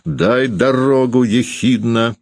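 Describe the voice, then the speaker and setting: A man voicing a drunk, rowdy old woman shoemaker who shouts abuse with slurred, raised speech. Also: deep voice, lively intonation, slow, dry recording. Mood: raging drunk.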